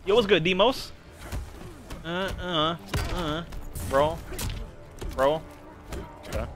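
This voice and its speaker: A young man streaming a fighting game, chatting loosely with his chat and reacting loudly to the fights. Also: fairly high pitch, slow pace, over music. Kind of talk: casual live-stream commentary while gaming.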